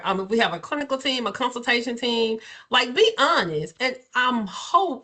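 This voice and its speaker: A woman's voice: a little high, bright, forceful tone. A woman counselor leading a webinar for clinicians, teaching in a candid, chatty way and often checking in with "right?".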